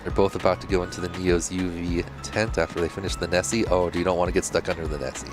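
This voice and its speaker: A man co-commentating a drone race, reacting with quick exclamations. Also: sits low, little pitch movement, over music. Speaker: co-commentator and pilot.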